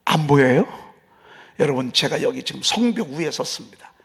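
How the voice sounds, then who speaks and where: A man's voice: a little high, animated, normal speed, vocal fry, fairly bright tone. A man preaching a dawn sermon as pastor, dramatic, acting out voices in asides. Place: church sanctuary. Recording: long hall reverb.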